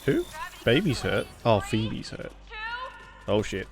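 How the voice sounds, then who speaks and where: A man doing casual live-stream game commentary in a halting, rambling way, swearing offhand. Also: on the low side, big pitch swings. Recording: clearly noisy home stream recording. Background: background noise, cat scratching at door.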